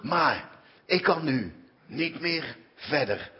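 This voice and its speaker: A fairly high-pitched man tells his own life story as a testimony, dramatic and full of little exclamations. The recording is dull and lo-fi, with the top end rolled off. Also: expressive, slow pace. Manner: dramatic storyteller, peppers speech with "hé". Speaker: former prisoner giving a personal testimony. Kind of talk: emotional personal testimony.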